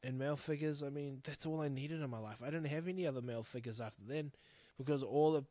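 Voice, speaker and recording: A man in his thirties with a New Zealand accent hosts a solo podcast, talking bluntly and frankly and swearing freely as he rambles. His voice is mid-range and mellow, his pace quick, and the recording has no room sound.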